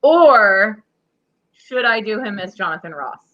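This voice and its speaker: A woman's voice: medium pitch, expressive, a little slow, highs cut off, very noisy. A young woman co-hosting a live podcast from home, chatting playfully and joking around. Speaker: podcast co-host. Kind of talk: casual chat on a live show.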